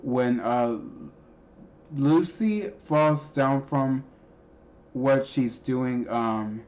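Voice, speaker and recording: Man, slow, halting casual explainer, lo-fi muffled recording. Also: medium pitch, a little mellow. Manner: hesitant, many ums and restarts. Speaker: video narrator explaining a clip.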